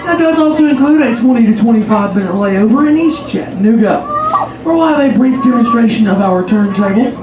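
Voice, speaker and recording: A man's voice: very high-pitched, expressive, fairly quick. A man working as tour guide and trainman, addressing passengers in a projected, ceremonious announcer's delivery. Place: aboard a train carriage. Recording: echoey, loud train noise.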